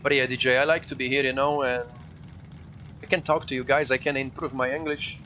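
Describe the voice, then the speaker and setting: Bright-voiced chatty male streamer. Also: mid-range voice, little pitch movement, slight background noise. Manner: chatty, addresses viewers directly; halting, non-native English phrasing. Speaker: live streamer. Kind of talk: casual chat while gaming.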